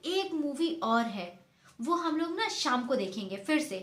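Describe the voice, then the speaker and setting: A woman's voice: high voice, very animated, unhurried. A woman voicing a patient, persuasive young daughter-in-law. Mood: coaxing. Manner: gently persuasive. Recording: echoey room, faint noise.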